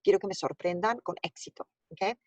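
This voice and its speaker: A woman's voice: mid-range voice, moderate pace, darkish tone, no room sound. Native-speaking woman teacher, dry close sound. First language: Spanish. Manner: talks students through steps, thinking aloud with rhetorical checks. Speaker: Spanish teacher. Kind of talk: recorded homework walkthrough lesson.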